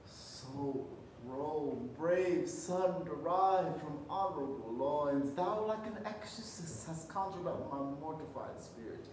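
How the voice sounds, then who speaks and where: A man's voice: fairly high pitch, expressive, slow pace, few pauses, a little mellow. A young man playing Caius Ligarius on stage, speaking in a rousing, declamatory way, recorded from a distance in a very echoey theatre. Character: Caius Ligarius, sick but fired-up ally. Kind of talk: stage Shakespeare acting. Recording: distant mic, very echoey theatre, faint noise.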